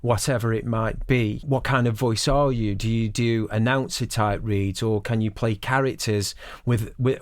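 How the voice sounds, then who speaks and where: A man in his forties, a voice-over producer, gives instructional advice straight to camera, explaining things directly to the listener. His voice is fairly low, and the studio sound is clean with no echo.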